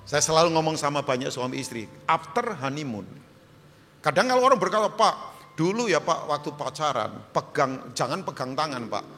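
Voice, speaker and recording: A middle-aged man preaching a sermon as pastor, joking and swinging from loud shouts to quiet asides. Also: a little high. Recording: reverberant church hall.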